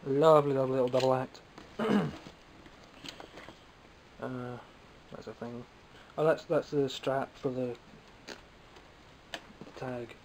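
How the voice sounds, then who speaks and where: A young Scottish toy collector vlogger talks about his toy haul off the cuff from behind a home camera, dry, rambling and self-mocking, with a phlegmy voice and the odd cough. He takes it slowly, pausing often, his middle pitch a little mellow with fairly even intonation. The camera mic recording is rough, with a faint hiss.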